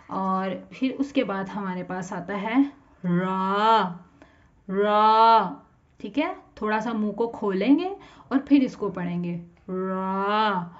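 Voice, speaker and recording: Slow, patient woman teaching letter sounds. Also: medium pitch. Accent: Pakistani Urdu. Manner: patient, repeats each sound and explains mouth position. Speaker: teacher of Quran reading for children. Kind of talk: slow spoken lesson, drawing out letter sounds. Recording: dull lo-fi sound.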